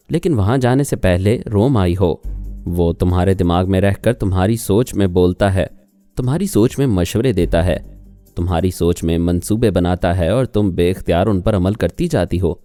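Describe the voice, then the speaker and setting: A man voicing a calm male telepath who reasons patiently on the phone, in an audiobook reading. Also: low-pitched, no echo, faint music behind, close to an everyday voice. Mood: persuasive.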